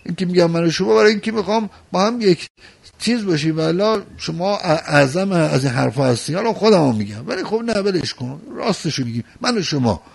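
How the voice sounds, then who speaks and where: A man giving a religious sermon, moving between loud pleading and soft, intimate address to listeners. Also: sits high, animated, vocal fry, husky. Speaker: preacher.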